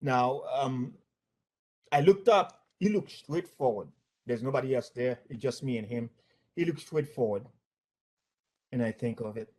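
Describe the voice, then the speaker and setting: Testifying off the cuff about incidents at the bank where he once worked, a Haitian man with a Haitian accent speaks haltingly, frequently repeating himself. His voice is medium-pitched and dark in tone.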